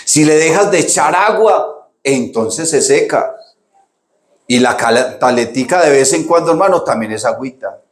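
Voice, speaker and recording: A man's voice: on the high side, lively intonation, normal speed, roomy sound. A middle-aged man preaching a sermon, talking to the congregation in a casual, chatty way and calling them brother. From Colombia. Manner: conversational preaching, addresses congregation as "hermano". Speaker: pastor.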